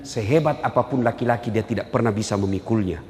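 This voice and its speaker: A man giving a humorous sermon, telling animated stories and acting out quotes. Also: fairly low pitch, quick pace, slight background noise. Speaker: preacher. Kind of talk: humorous religious lecture. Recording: hall reverb, faint ambience.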